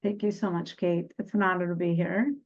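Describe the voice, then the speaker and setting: A middle-aged woman from Albania, speaking as an interview guest. Her low, gravelly voice moves earnestly through her story, with small restarts along the way. The recording sounds dull and lo-fi. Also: flat delivery. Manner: earnest, slightly halting with restarts. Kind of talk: reflective personal storytelling.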